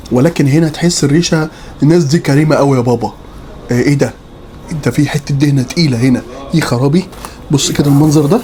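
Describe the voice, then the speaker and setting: A young man with an Egyptian accent reviewing food in a casual vlog, animated and joking, often exclaiming in surprise as he tastes. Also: fairly high pitch. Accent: Egyptian Arabic.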